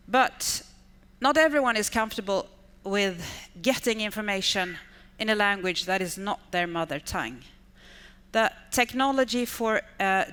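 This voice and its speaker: Her voice is clean, medium-pitched, pushed and bright: a Swedish conference speaker in her fifties who works as an education manager and speaks English as a second language. She talks enthusiastically, repeating intensifiers like "really, really." The large hall around her is reverberant, its sound decaying slowly.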